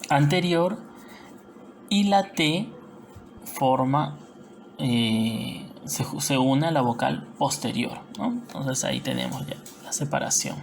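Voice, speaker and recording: A Peruvian Spanish woman teaching a recorded lesson in a low, gravelly voice. She explains step by step and keeps asking whether the class is following. A faint hiss sits under the recording. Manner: patient, explanatory, frequent tag questions.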